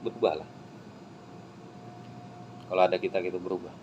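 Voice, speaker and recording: A man preaching a sermon, swinging from hushed pleading to loud exclamations. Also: sits low, level tone, normal speed, dull audio, slight background noise. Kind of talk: emotional sermon.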